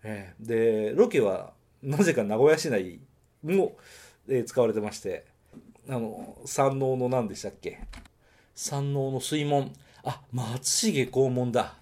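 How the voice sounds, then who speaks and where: Speaking slowly in a dark, medium-pitched voice, a man from Nagoya, Japan reviews a film on his podcast. It's a relaxed solo talk in which he thinks aloud and fixes his own wording as he goes.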